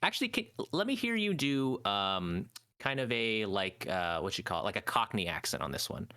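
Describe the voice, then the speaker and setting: A man's voice: lowish voice, very animated, normal speed, sharp tone, smooth, no echo. A man hosting a casual comedy podcast, often laughing and restarting as he directs voice bits. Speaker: podcast host.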